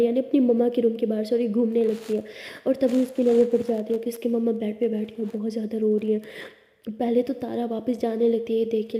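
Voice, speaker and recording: A woman narrating a romance story in a relaxed, chatty retelling. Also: on the high side. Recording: echoey room with long reverb.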